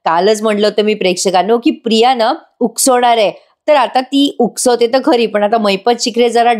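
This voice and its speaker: A woman's voice: fairly high pitch, moderate pace, darkish tone. A woman hosting a casual recap of a TV serial, chatting to her viewers. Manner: chatty, addresses viewers, laughs often.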